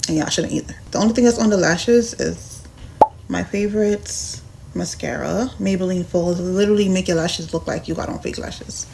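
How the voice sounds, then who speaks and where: A woman's voice: fairly low pitch, normal speed. A woman vlogger chatting casually and informally, addressing her viewers directly in slangy speech. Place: partly inside a car. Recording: clear background noise, car ambience.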